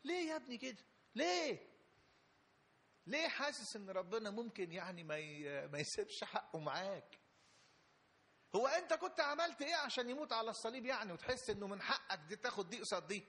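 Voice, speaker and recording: A man's voice: high-pitched, big pitch swings, fast, bright, forceful tone. A man preaching a sermon with an Egyptian Arabic accent, emphatic and repetitive, building to fervent peaks. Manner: emphatic, repeats phrases, rising fervor.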